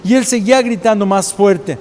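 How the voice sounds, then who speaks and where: High-voiced Mexican pastor preaching. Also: male voice, moderate pace, a little mellow, in a large hall. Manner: storytelling preacher, acts out quoted voices. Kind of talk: sermon.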